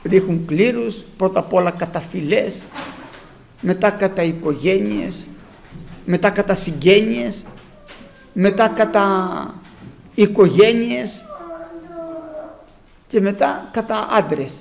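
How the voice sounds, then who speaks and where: A man's voice: high-pitched, gravelly. A man preaching a sermon, retelling scripture dramatically with rhetorical questions and exhortations.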